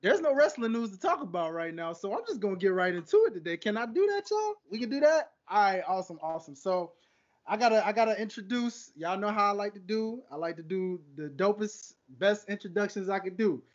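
A man's voice: sits high, expressive, a little fast, dull audio. A man hosting a podcast in casual, slangy interview chat, chummy and repeating words for emphasis. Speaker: podcast host.

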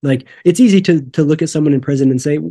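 A man's voice: a little high, fast, mellow. A man hosting a faith interview, affirming his guest with encouraging replies. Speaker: podcast host.

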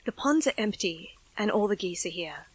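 A woman's voice: mid-range voice, expressive, normal speed, slight background noise. A woman narrating a scripted horror story in a dramatic storytelling style.

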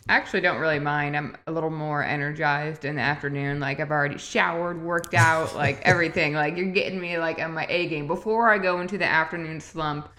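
A woman's voice: low-pitched, fairly even intonation, a little fast, hardly any pauses, bright, forceful tone. A woman co-hosting a podcast, chatting casually in an informal, wry way. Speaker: podcast co-host. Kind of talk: casual chat.

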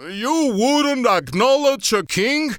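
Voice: sits high, animated, slow, no room sound, clean studio sound. Someone voicing a sighing, worn-out royal rat. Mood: weary. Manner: sighing, whiny, easily bored. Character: weary male royal rat, soft and complaining.

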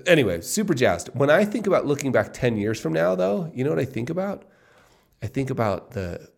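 A man in his fifties talks through his own podcast, excited and thinking out loud, circling back to repeat his points. His voice sits a little low with a gravelly edge to it. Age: 50s. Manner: excited, musing aloud, repeats himself. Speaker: podcast host. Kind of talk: casual solo podcast monologue.

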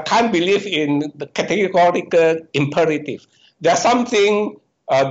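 A man, an economics professor, answering interview questions and explaining his ideas step by step, often breaking off and correcting himself. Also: fairly high pitch. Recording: dull, muffled lo-fi audio.

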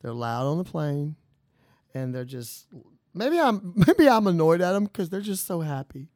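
A man's voice: a little high, very animated, unhurried, a little mellow, no room sound, studio quality. A man co-hosting a podcast in casual banter, rambling through stories and acting out the voices of the people in them. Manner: rambling storyteller, acts out quoted voices. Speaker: podcast co-host.

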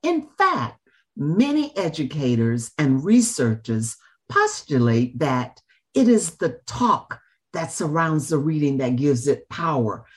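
A woman hosting an interview in a formal, measured and emphatic manner, with deliberate phrasing. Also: low-pitched, very animated. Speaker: show host and interviewer. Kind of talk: formal scripted introduction and interview.

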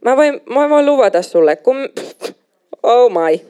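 Animated woman preaching a sermon. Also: fairly high pitch, smooth. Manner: animated, emphatic, mixes in English phrases.

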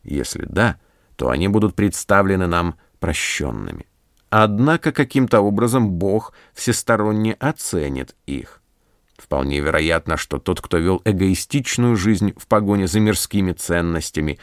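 A man reading a scripted radio sermon in a solemn, measured manner with rhetorical questions. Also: on the low side, very animated, dry recording, studio quality. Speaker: preacher.

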